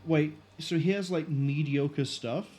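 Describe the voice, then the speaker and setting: A man's voice: on the high side, slow, warm tone, soft background music. A man streaming a video game, casually thinking aloud with fillers. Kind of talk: live game commentary.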